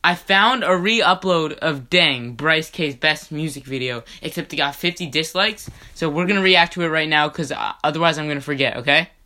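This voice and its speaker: Bright, excitable man on a call. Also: on the high side, moderate pace, few pauses. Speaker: co-host. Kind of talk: casual chat over a video call. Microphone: video call.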